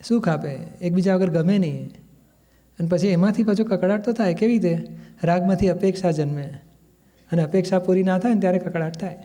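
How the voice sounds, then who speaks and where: A man's voice: high-pitched, warm tone. A Gujarati-accented man giving a conversational spiritual discourse, sometimes acting out family quarrels in quoted voices. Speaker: spiritual teacher.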